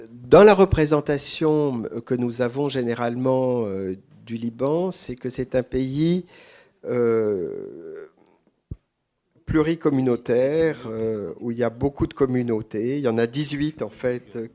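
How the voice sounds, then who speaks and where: A man speaking off the cuff as a guest at a public talk, deliberate and hesitant, repeating words for emphasis. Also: medium pitch, dark tone. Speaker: guest author answering audience questions. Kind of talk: extemporaneous answers at a public talk.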